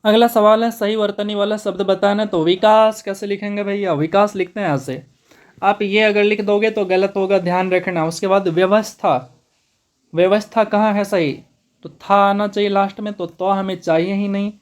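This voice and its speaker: A man teaching a spoken exam-prep lesson, brisk and repetitive, calling his students brother. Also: sits high, fairly even intonation, clean tone.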